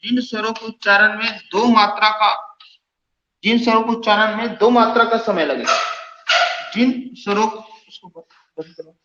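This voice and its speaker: A man with a fairly high voice teaches a classroom grammar lesson, repeating each rule several times and putting questions to his students. The classroom echoes around him. The recording has a dull, muffled sound. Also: normal speed, long pauses, very noisy. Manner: repeats phrases and quizzes students. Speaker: Hindi teacher. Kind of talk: classroom lecture. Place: classroom with lights off.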